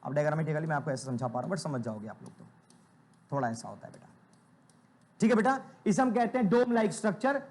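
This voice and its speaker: A man's voice: fairly high pitch, sing-song, quick pace, a little mellow. A young man giving a biology lecture, asking the class questions and answering them himself, often calling students "beta". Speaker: biology teacher.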